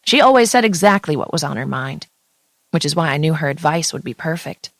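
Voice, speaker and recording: Woman reading a romance audiobook, lowish voice, dry close mic, confessional feel. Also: expressive, brisk, no room sound. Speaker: audiobook narrator. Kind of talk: first-person romance audiobook narration.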